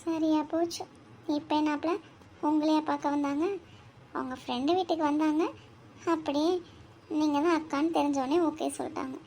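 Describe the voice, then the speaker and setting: A woman's voice: high voice, normal speed, long pauses, slight background noise. A woman voicing a cheeky, chatty young girl in a Tamil cartoon who teases and consoles at length. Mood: teasing. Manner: chatty, teasing, lively.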